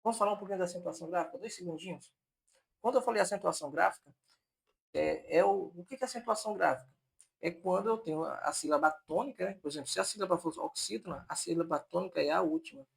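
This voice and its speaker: High, gravelly-voiced man teaching grammar. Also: fast. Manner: explanatory, repeats points on purpose to fix them. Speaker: Portuguese teacher. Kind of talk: online exam-prep lesson.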